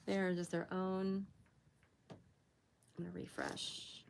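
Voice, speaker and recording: A young woman hosting a casual art livestream, chatting with viewers as she works, giggling often and jumping up high to greet people. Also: very slow, creaky, slight background noise. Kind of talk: casual livestream chat while drawing.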